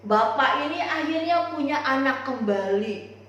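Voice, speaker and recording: High sing-song sunday school teacher lady, slow and bouncy, echoey room. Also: highs cut off. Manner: animated, sing-song, talks straight to kids. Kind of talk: storytelling for children.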